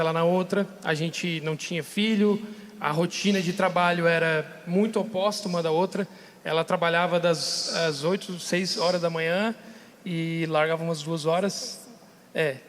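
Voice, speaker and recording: High-voiced man in a reverberant studio. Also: steady tone, normal speed, a bit bright, slight background noise. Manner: candid, emotional storytelling with laughter. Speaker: podcast guest sharing testimony. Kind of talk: casual testimony. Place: radio studio.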